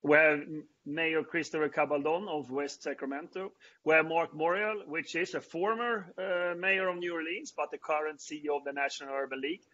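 A middle-aged man with a Swedish accent, hosting a panel on a video call and speaking haltingly with many fillers and restarts. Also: on the high side, fairly even intonation, bright, forceful tone. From Sweden. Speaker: panel host. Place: indoors before a branded backdrop. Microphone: earbuds on a video call. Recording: dull lo-fi video-call audio.

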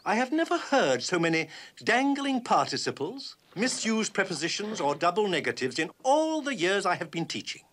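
Pompous, very animated schoolmaster. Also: male voice, high-pitched, normal speed. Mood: disdainful. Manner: pompous, precise, formal diction. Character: prim, fussy middle-aged schoolteacher, indignant and pedantic. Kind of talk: 1960s television western acting.

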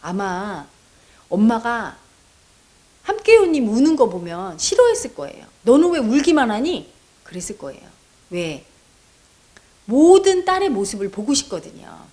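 A woman's voice: medium pitch, big pitch swings, unhurried, long pauses, mellow. A woman meditation teacher counseling a viewer, talking straight to her with earnest, coaxing prompts. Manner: addresses the listener directly with coaxing prompts; earnest, persuasive, acts out quoted voices. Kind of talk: counseling talk answering a viewer's question.

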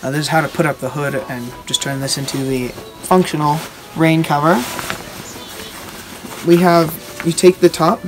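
A young man giving a casual, halting show-and-tell as a video host, recorded outdoors at a short distance from the camera. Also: on the high side, flat delivery, music in the background. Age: teenager or young adult. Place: outdoors on a wooden backyard deck.

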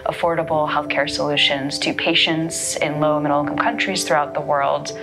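A woman with a very low voice and little melody speaks in a measured way. She delivers scripted narration about her organization's services. Music plays clearly behind her. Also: fairly even intonation. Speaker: organization spokesperson.

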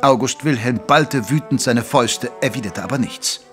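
An actor playing a sober Victorian doctor who narrates a detective adventure in a German audio drama. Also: male voice, mid-range voice, normal speed, lightly acted. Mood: sober narration. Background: music.

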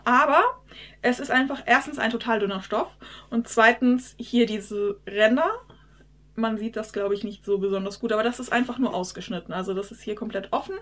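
A woman with a somewhat high voice chats casually to her viewers in a haul vlog. She talks straight to the camera in a friendly, chatty way. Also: fairly bright tone. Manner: chatty, addresses viewers directly. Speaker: YouTube vlogger. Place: her bedroom.

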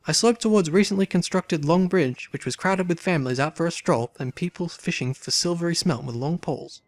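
A man's voice: on the high side, darkish tone, no room sound. Wry man reading a game aloud. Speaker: let's play host. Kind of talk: reading game text aloud with casual asides.

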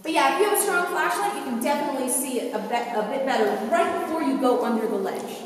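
A woman's voice: high voice, lively intonation, fast, a little hiss or hum. A woman giving a casual, chatty guided tour inside a cave, recorded from a distance with a strong cave echo. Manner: casual, chatty, frequent fillers. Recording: echoey cave from far off.

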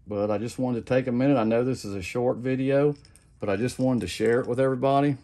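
This middle-aged man talks fast in a mid-range voice while giving a casual how-to at his home workbench. A custom lure maker, he's plain-spoken and easygoing, rambling, repeating himself, and tossing in "like I said" often.

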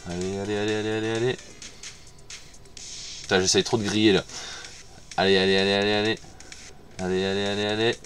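A man's voice: on the low side, flat delivery, brisk, pauses often, fairly bright tone, soft background music. A man gives casual commentary over his gameplay, muttering to himself, repeating words and swearing when he fails. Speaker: gamer playing on stream.

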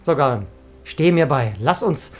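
A woman live-streaming a video game, chatting excitably with viewers and often trailing off and restarting. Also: low voice, normal speed, over music. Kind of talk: casual live-stream chat while gaming.

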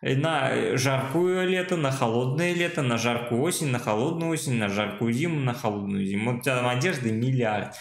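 A man's voice: medium pitch, expressive, brisk, vocal fry, few pauses. A young man reacting to a cartoon in casual, colloquial, opinionated chat. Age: young adult. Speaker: reaction video host. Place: indoor room at home. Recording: roomy, echoey home recording.

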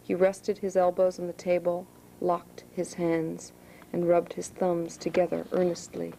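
Author reading aloud: woman, dark gravelly voice, unhurried, school room. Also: fairly low pitch, monotone, a little hiss or hum, low-quality recording. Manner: plain, unhurried reading with asides. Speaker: author reading her novel. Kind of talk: reading a novel aloud to students.

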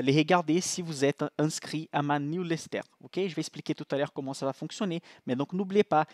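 A livestream host who works as a financial analyst runs a chatty online investing class, frequently checking on listeners with "ok?" and restarting his lines. A Portuguese native speaker with a Brazilian accent, he has a slightly high voice with a darkish tone, recorded dry.

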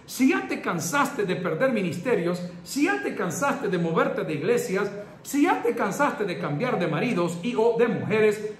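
A man's voice: sits high, fairly bright tone. A man, preaching a sermon in an emphatic, rhythmic call-and-response way, recorded in an echoey room. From El Salvador. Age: 50s. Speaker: pastor. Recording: echoey room with faint noise.

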